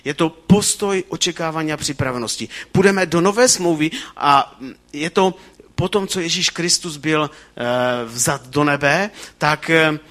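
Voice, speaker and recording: Male preacher, sermon delivery, animated and fervent, bright tone, restarts mid-phrase. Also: a little high.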